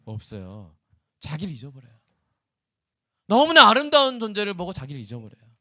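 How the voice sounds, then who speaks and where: A male pastor preaching a sermon in an animated way, often asking the congregation questions. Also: sits high, a little fast.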